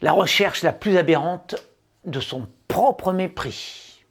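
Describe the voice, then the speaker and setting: A man's voice: high-pitched, takes it slowly, breathy edge, heavily acted. A man playing a pompous self-declared macho man. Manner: pompous, grandiloquent, with hesitant fillers between lofty phrases. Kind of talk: mock-solemn satirical declamation.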